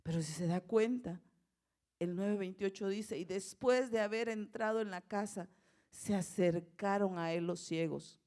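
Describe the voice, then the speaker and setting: A woman's voice: medium pitch, a little slow, warm tone. A middle-aged woman pastor, preaching a sermon with rising, emphatic bursts and acted-out prayers.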